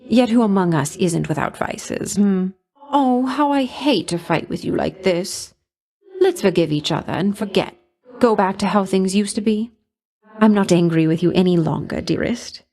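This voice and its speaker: Lightly acted and a little mellow, her mid-range voice portrays a jealous, vain and flirtatious goddess of love for a video game. She offers coquettish, condescending endearments with a threat underneath, sounding forgiving yet warning.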